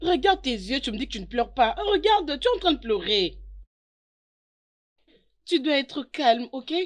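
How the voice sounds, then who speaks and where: A woman dubbing a hot-tempered young bride, later a caring sister, in a French-dubbed film drama, scolding in sharp outbursts. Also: high-pitched, big pitch swings, measured pace. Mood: coaxing.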